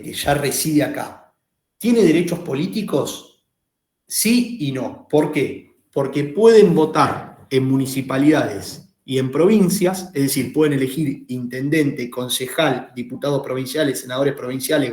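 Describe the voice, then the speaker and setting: Argentine guy teaching law class, kinda high voice, keeps asking students if they get it, echoey room. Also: a little mellow. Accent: Argentine Rioplatense. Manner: explanatory, asks the class questions. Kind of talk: lecturing a class.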